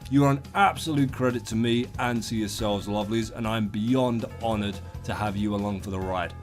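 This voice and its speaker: A man's voice: fairly low pitch, brisk. A British man hosting a gaming video, giving profane, colloquial comedic commentary in a theatrical, irreverent, mock-grandiose way. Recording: voice over a music bed. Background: music.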